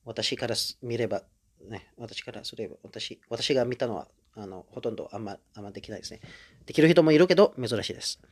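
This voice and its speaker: A man who moved to Japan as a foreigner, hosting a casual solo monologue. He hesitates a lot, fills pauses with fillers, corrects himself often and laughs at himself. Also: medium pitch, husky. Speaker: host of a talk series about Japanese.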